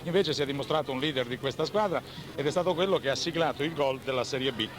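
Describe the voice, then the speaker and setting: A man interviews football guests for 1980s radio. His voice sits at a medium pitch, and he builds long, measured questions with hesitations along the way. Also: noisy background.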